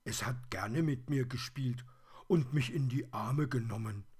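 A man voicing a lonely, forgotten plush teddy bear in a storybook reading, with a high and plaintive manner. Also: measured pace, a little mellow, slightly rough. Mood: wistful.

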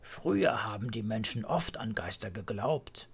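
A man's voice: lowish voice, animated, a little slow, gravelly, slightly rough, heavily acted. A man voicing a sleepy, teasing old grandfather in a storybook reading, mumbling and drowsy.

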